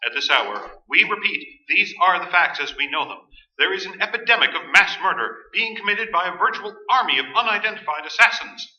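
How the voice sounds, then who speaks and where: In a staged radio play, an actor plays a grave, urgent male newsreader reading formal, emphatic bulletins. His voice is high-pitched, animated, brisk, pushed, and bright, in an exaggerated style. The live stage recording in an echoey room sounds dull and reverberant.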